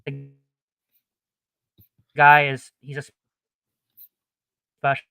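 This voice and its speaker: A man's voice: on the high side, monotone, very slow, vocal fry, clean tone, no room sound, muffled recording. A man giving blunt, filler-heavy picks over a remote call whose audio keeps breaking up on a bad connection. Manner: blunt, hesitant with many fillers. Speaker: guest betting analyst. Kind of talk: casual fight picks chat.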